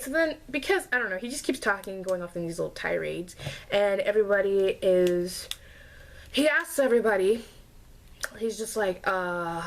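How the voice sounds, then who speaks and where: A young woman vlogger telling a casual, exasperated storytime rant about her classes, full of sarcasm. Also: medium pitch. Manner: exasperated, sarcastic, mocks classmates in put-on voices.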